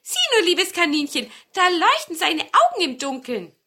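A flock of naive, chattering hens, as a woman storyteller puts them on, shrill and very high, gushing excitedly. Bright and animated, in a children's story. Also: moderate pace, exaggerated voice.

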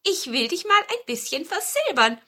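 A woman's voice: very high voice, sing-song, normal speed, pitched above the performer's own voice, full character voice. Woman playing a kind little forest dwarf. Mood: kindly. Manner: gentle, reassuring. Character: kindly little male forest dwarf, wise.

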